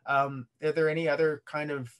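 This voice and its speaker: A man in his thirties co-hosting a book talk over a video call, lively and thankful, with frequent ums, from a home studio. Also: fairly high pitch, brisk, smooth, muffled recording. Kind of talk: casual video call chat. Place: home studio with art banner behind. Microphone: video call webcam.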